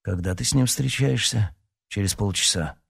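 A man voicing a calm, level-headed male ally giving instructions. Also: on the low side, moderate pace, vocal fry, husky, heavily acted.

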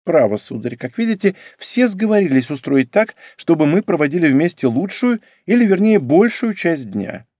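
A man voicing a shy, gentle young court lady in an audiobook, speaking softly with sighs. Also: a little high, very animated, normal speed, few pauses, no echo, clean studio sound, pitched above the performer's own voice. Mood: wistful.

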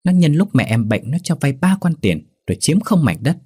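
A man's voice: on the high side, sing-song, brisk, dark tone, husky, no echo, clean studio sound, voice pushed up. A man voicing an angry young villager with a grudge in a folk storybook tale, cursing and griping.

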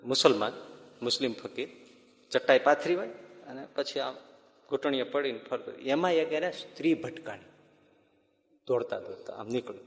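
A man giving a devotional discourse in an animated storytelling manner. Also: mid-range voice, normal speed, pauses often, in a large hall. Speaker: religious storyteller.

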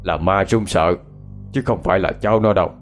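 A man's voice: low-pitched, a little fast, faint music behind, natural voice. A man voicing a stern old male Buddhist monk who gives commands during an exorcism.

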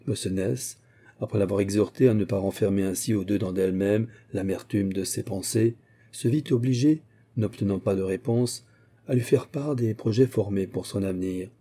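A man reading a classic novel aloud in measured literary narration. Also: fairly low pitch, warm tone.

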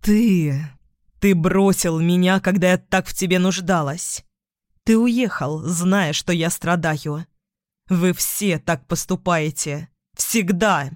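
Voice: mid-range voice, fairly even intonation, unhurried, a little mellow, no echo, clean studio sound, lightly acted. A reader doing Katarina, a tormented young queen. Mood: accusing. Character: distraught young queen, tearful and commanding. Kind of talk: audiobook character reading.

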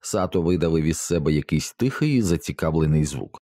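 A man narrating an audiobook in a steady, measured reading. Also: very deep voice, no echo, clean studio sound. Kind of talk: scripted narration.

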